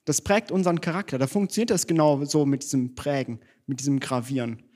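Man, fairly high voice, church sermon, relaxed conversational preaching, self-deprecating humor. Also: fast talker.

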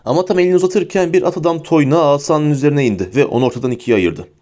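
A man narrating a fantasy story as an audiobook reader, steady and vivid. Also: a little high, rapid-fire. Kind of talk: storybook reading.

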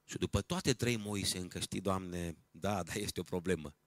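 A man preaching a lively sermon as pastor, acting out voices and dropping to a hush for emphasis. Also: low voice, dry recording. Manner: animated, acts out voices, drops to a hush for emphasis. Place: church hall.

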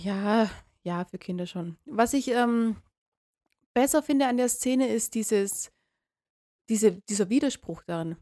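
A woman co-hosting a casual podcast, recapping a story with many fillers and frequent laughs. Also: a little high. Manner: lively, laughs often, halting fillers. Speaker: podcast co-host. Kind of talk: casual chat recapping a radio play episode.

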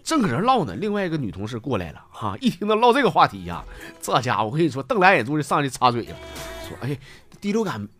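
A man with a Northeastern Mandarin accent, hosting a comedy podcast and telling jokes and funny stories in a lively, folksy way. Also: mid-range voice, fast talker, soft background music. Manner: lively storyteller with folksy slang.

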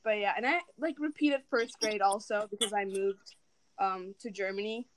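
A woman's voice: mid-range voice, normal speed, rough recording. A young woman from Turkey, a native Turkish speaker, chatting casually as a podcast co-host, full of "like" and easy laughter. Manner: chatty, many fillers, laughs easily. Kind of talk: casual chat.

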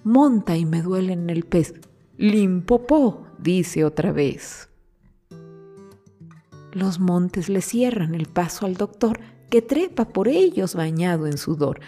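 A woman's voice: fairly low pitch, lively intonation, takes it slowly, mellow, soft background music. A woman reciting a rhyming children's story poem in a sing-song storybook manner.

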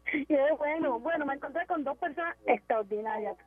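High-voiced woman calling on phone. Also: normal speed. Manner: chatty and enthusiastic, repeats words. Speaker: caller. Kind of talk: phone call to a radio show. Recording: tinny phone line.

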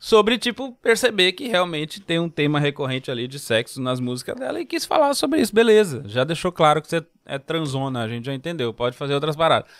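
A man from Brazil in casual podcast chat, slangy and animated, often trailing off and restarting. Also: a little high, brisk, few pauses. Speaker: podcast host.

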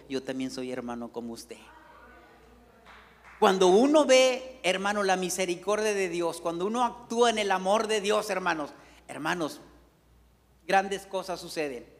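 A man preaching a fervent sermon as pastor, constantly calling out to the brethren as his voice leaps up and down. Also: moderate pace. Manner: fervent preaching, frequent "hermanos", big pitch swings. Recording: long reverb of a hall.

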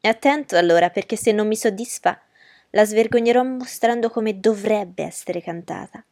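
A woman's voice: mid-range voice, normal speed, a little mellow, no room sound, clean studio sound, natural voice. Woman voicing a haughty, imperious young noblewoman. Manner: commanding, scornful, theatrical. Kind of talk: audiobook character reading.

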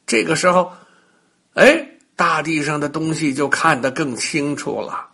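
An older man narrating a bedtime story for children in a lively, playful way, talking to the kids directly. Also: on the high side, unhurried, creaky, breathy edge.

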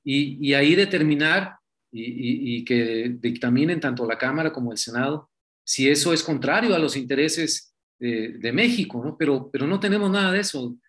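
A man's voice: mid-range voice, lively intonation, moderate pace, fairly bright tone. A man from Mexico giving casual political commentary, conversational and full of rhetorical questions.

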